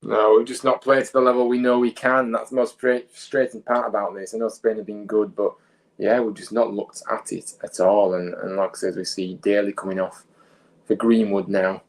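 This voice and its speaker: A man's voice: fairly low pitch, flat delivery, a little fast, poor audio. A man as a guest pundit on a football watchalong, talking the match over in a hesitant way. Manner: hesitant, searches for words. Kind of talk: casual football analysis.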